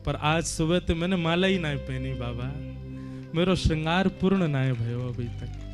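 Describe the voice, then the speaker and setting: A man voicing a simple young male cowherd, speaking high, innocent and coaxing. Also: huge pitch swings, normal speed, over music. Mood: tearful.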